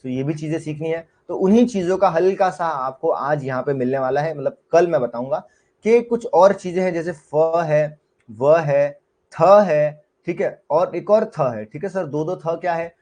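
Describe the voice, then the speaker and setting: A man's voice: a little high, a little slow, a little mellow. Chatty Indian man teaching a class. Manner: chatty, repeats "ठीक है" often, mixes English words. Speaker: shorthand teacher. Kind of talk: live online class.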